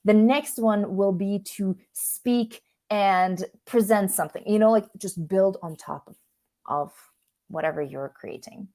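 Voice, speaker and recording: Presenting an online coaching workshop, a career coach from Russia whose native language is Russian speaks in a medium-pitched voice with a dark tone and a measured pace. Her delivery is casual and conversational; she often interrupts herself and checks in with her audience.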